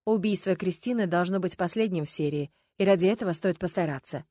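A woman's voice: fairly low pitch, fast, mellow, no room sound, close to an everyday voice. A woman voicing a level-headed woman sleuth who talks in a dry, matter-of-fact way in an audiobook. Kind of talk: audiobook character voice.

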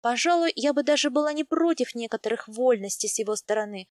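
A woman reading a first-person novel aloud in an even, intimate storytelling manner. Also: on the high side, fast talker, dry recording, studio quality. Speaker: audiobook narrator. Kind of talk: first-person scripted narration.

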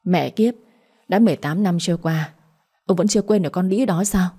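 A woman voicing a harsh, spiteful middle-aged mother who taunts and curses in a shrill voice. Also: a little fast, dark tone, husky. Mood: shrieking.

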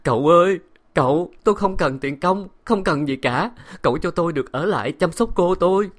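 Guy doing an old nanny lady, timid, begging in a shaky high voice, storybook. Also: big pitch swings, very fast, slightly rough. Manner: humble, tremulous pleading.

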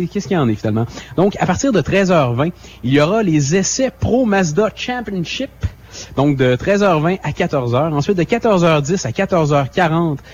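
A man's voice: on the high side, highs cut off, slight background noise. A man co-hosting a radio show, reading out a schedule with many fillers and self-mocking asides. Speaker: radio co-host.

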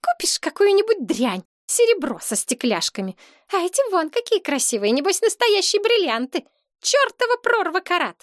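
A woman voicing a bratty, greedy bleached young woman in an audiobook, squeaky and capricious. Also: sing-song, normal speed, no room sound, clean studio sound. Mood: defiant. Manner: shrill and capricious.

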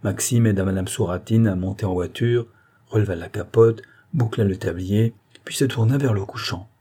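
A man narrating a classic novel as an audiobook, measured and even. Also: fairly low pitch, husky.

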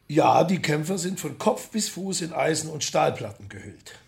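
In a radio drama, a man voices a matter-of-fact expert on medieval weaponry, explaining things precisely and instructively in the manner of a documentary narrator. His voice is fairly high and creaky, with lively intonation at a normal speed.

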